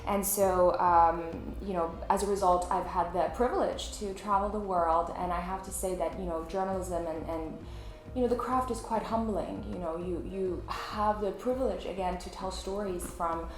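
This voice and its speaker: An Iranian journalist, a woman with a fairly low voice, talks as a guest in a casual interview at her home flat. She is thoughtful, speaking at a moderate pace with fairly even intonation and few pauses, though she uses many "you know" and "um" fillers. The indoor room is echoey with faint noise.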